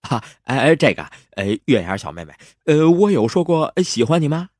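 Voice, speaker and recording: A man voicing a cheeky, smooth-talking teenage boy who wriggles out of trouble with flustered excuses. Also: a little high, very animated, moderate pace, a little mellow, no echo, studio quality, voice pushed up. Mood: awkward. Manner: flustered, evasive, talking his way out. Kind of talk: audio drama acting.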